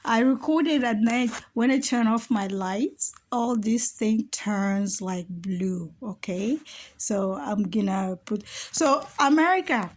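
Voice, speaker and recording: A middle-aged woman with a slightly high voice tells her spiritual experiences at an unhurried, drawn-out pace. She shifts between soft, hushed asides and loud, animated exclaims, and keeps checking in with "okay?" and "you know". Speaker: spiritual YouTuber. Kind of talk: casual spiritual storytelling. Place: home at night.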